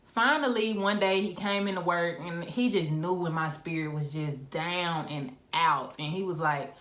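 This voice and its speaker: A woman's voice: fairly low pitch, measured pace. Young woman vlogger, candid storytime chat on a phone, echoey room. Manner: candid, animated storytelling with asides and laughs. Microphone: phone camera. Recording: roomy echo.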